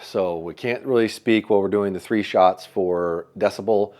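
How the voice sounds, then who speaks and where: In a fairly low voice at a moderate pace, a man runs through a casual, hands-on review of a bow in a shop. He stays upbeat, narrating each measurement as he checks it, and remarks that he has a loud voice.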